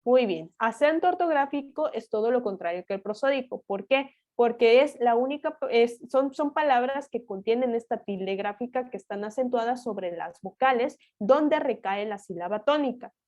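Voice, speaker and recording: A woman's voice: a little high, expressive, normal speed, few pauses, darkish tone. A woman tutor with a Mexican Spanish accent, explaining exam answers in a step-by-step grammar lesson, asking herself rhetorical questions.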